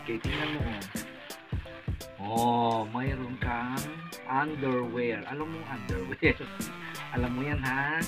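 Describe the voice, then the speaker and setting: A man with a Filipino accent, talking to a girl and her grandfather as he hands out gifts on a vlog, warm and coaxing, slipping in English words. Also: medium pitch, slow pace, long pauses, low-quality recording. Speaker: vlogger handing out donated goods. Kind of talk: casual talk to family and camera. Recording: music playing loudly behind.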